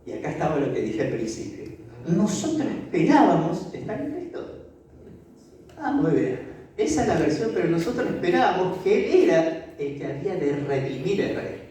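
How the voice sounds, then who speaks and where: A pastor preaches in a lively, swooping voice that rises and falls, acting out scenes and turning to the congregation. The tone is warm and mellow. The voice rings through a big echoey church hall, heard from a distance off the mic. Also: mid-range voice, fairly quick, a little hiss or hum. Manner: animated, acts out Bible scenes with asides to the congregation. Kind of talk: lively sermon.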